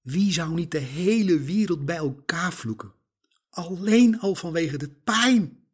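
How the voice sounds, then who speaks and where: A man preaching a sermon, slow and emphatic, putting rhetorical questions straight to the listener. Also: fairly high pitch, animated, breathy edge.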